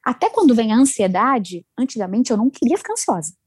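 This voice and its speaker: A woman chatting casually about self-help ideas, animated and acting out inner voices. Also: on the high side, fast, husky, dry recording. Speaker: guest sharing self-help advice. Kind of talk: casual chat.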